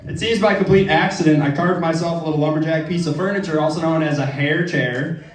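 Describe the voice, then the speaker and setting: A man performing in a live lumberjack comedy show, trading deadpan jokes with the emcee and the audience. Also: a little high, quick pace. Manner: deadpan, joking comebacks. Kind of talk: live comedic stage banter. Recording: distant, echoey, with crowd and ambient noise.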